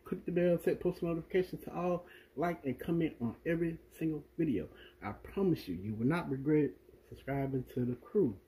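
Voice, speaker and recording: Southern man hosting a home cooking video; relaxed and mellow, slightly high. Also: a little fast, rough recording. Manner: relaxed, talks straight to viewers. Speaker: cooking vlog host. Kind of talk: casual cooking demonstration. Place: home kitchen at the stove.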